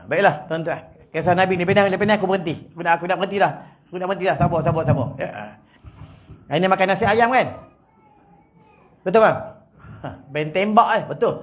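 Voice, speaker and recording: High-voiced Malaysian preacher, joking. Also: male voice, expressive, quick pace, long pauses. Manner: jokey, teasing the audience, swings loud and soft. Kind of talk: humorous religious lecture. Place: mosque prayer hall.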